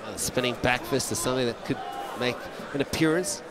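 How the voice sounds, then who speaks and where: A man's voice: mid-range voice, a little fast, a crowd in the background, noisy background. A man presenting and commentating on a sports broadcast, with scripted sponsor reads. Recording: loud music behind the voice. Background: loud music.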